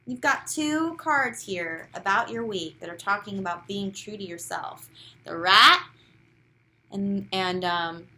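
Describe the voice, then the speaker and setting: A young woman giving a casual, chatty tarot reading, enthusiastic and sometimes dropping to soft near-whispers. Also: medium pitch, a little hiss or hum. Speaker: tarot card reader.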